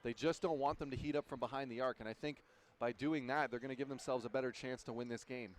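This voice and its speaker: A man's voice: medium pitch, fairly even intonation, fast talker. A man giving color commentary at a basketball game, explaining the defense and what players should have done. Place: gym broadcast booth.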